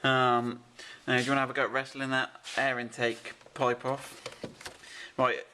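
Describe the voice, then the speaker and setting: Man, casual how-to chat, directs helpers, mid pitch. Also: little pitch movement, normal speed, sharp tone, a little hiss or hum. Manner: chatty, directs helpers while working. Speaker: presenter of a car fitting video. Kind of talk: casual hands-on how-to explanation. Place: beside a pickup's open engine bay.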